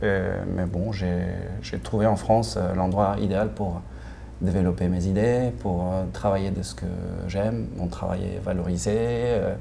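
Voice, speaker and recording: Brief: low, gravelly Argentine man in his forties, hesitant, warm-toned, faint background hum. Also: fairly even intonation, moderate pace. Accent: Argentine Spanish. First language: Spanish. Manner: hesitant, many restarts, laughs often. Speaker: film director. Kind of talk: casual interview answers.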